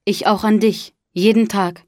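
A woman reading the lines of an earnest, gentle young man in an audiobook, speaking softly and sincerely. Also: mid-range voice, steady tone, measured pace, no echo, studio quality, natural voice. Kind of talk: audiobook dialogue.

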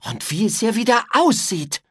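A man doing a shrill scolding mother. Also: very animated, moderate pace, husky, no echo, clean studio sound, full character voice. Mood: nagging. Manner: scolding, exasperated. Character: nagging middle-aged mother.

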